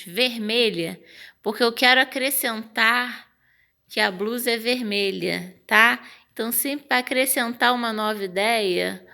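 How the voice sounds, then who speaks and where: A woman teacher with a Brazilian Portuguese accent walks her students through punctuation in an unhurried, patient way, often checking in with them. Her voice is bright and a little gravelly, and she gives her example sentences lively intonation. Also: on the high side. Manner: patient, explains step by step, checks in with "tá?". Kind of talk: online grammar lesson.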